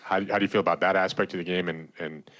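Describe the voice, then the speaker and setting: A man's voice: low-pitched, fairly even intonation, fast talker, a bit bright. A male reporter asking questions at a press conference, stumbling and repeating words as he starts.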